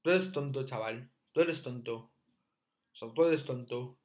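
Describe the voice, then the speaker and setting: In his room, the young man reacts to clips for his video, jeering with loud exclamations again and again. He speaks at a medium pitch and a little slowly.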